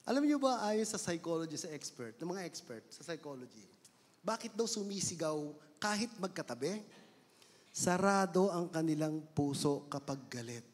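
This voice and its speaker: Under a long church-hall reverb, a Filipino-accented man with a fairly high, animated voice preaches at a moderate pace. He switches between Tagalog and English and elongates words to emphasize them.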